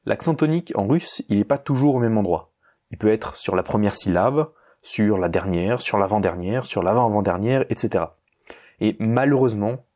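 A man's voice: medium pitch, warm tone. A man giving an informal spoken lesson, talking directly to the listener in a casual, friendly teaching manner with small fillers. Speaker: language teacher.

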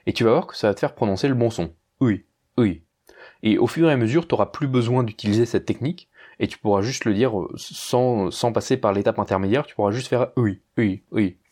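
Male language tutor, mid-pitched, relaxed informal delivery, deliberate pacing with repeated example words. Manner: slow, careful, repeats words for the listener; informal, addresses listener as tu. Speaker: language teacher. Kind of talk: pronunciation lesson.

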